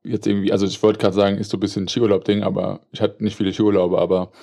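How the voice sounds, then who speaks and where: A man's voice: on the low side, flat delivery, quick pace, creaky, mellow. A man co-hosting a podcast in casual, joking banter full of slang. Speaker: podcast co-host. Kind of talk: casual chat.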